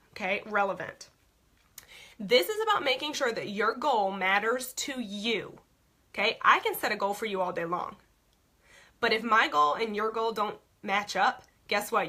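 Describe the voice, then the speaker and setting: A young woman, a frank team leader teaching goal-setting in casual talk. She often checks in with "okay?" and her voice is going hoarse. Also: medium pitch, pushed and bright.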